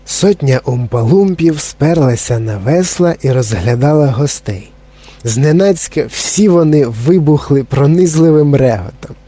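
A man narrating a children's story in a calm, even reading. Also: a little high, measured pace.

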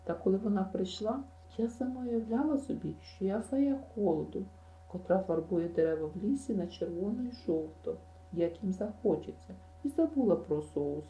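A woman's voice: medium pitch, expressive, moderate pace, warm tone, echoey room, a little hiss or hum, close to an everyday voice, rough recording. A woman reading an audiobook, voicing a chatty, imaginative girl who tells her misadventures in a gushing rush. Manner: breathless, gushing storytelling.

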